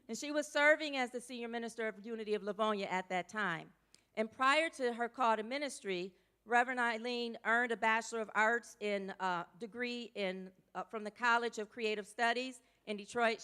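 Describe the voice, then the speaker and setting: Bright, clear-voiced woman minister. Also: on the high side, moderate pace. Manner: warm, chatty and emotional, with casual asides. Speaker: minister introducing the guest speaker. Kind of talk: church introduction speech. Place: church sanctuary.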